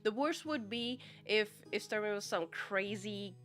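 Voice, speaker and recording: This live streamer, a native Czech speaker, chats casually and leisurely with her audience, drawling, rambling with fillers, and often laughing over faint soft music. Her voice is medium in pitch and her pace measured.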